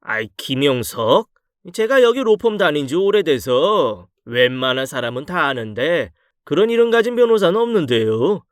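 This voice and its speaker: A man voicing a puzzled male law firm employee who questions slowly and doubtfully. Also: on the high side, big pitch swings, no echo, studio quality.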